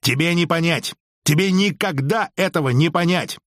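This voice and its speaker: A man's voice: medium pitch, lively intonation, quick pace, husky, dry recording, studio quality. A man voicing a tense young male cat-like alien engineer who snaps harshly at his companion, in an audiobook. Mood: angry. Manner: harsh, snapping. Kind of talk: audiobook character voice.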